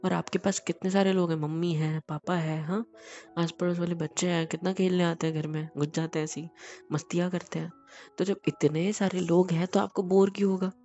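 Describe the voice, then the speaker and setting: A man's voice: sits high, level tone, brisk, warm tone, muffled recording, soft background music. A man playing a tender teasing young husband. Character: affectionate teasing young husband, soothing his wife. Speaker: husband in a romantic audio drama. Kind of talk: intimate romantic audio drama.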